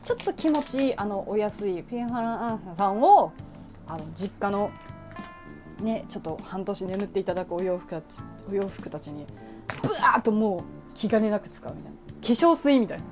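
A woman's voice: mid-range voice, animated, moderate pace, a little mellow, soft background music. A young woman chatting casually about her shopping, adding playful sound effects. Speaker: vlogger. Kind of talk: casual shopping haul vlog.

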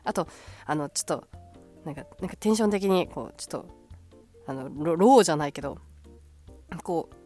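Woman host, lowish voice, stuffy nasal tone from a blocked nose, chatty, many fillers, faint music under her. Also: expressive, fairly quick, long pauses, warm tone. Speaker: radio show host. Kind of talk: casual solo podcast radio talk.

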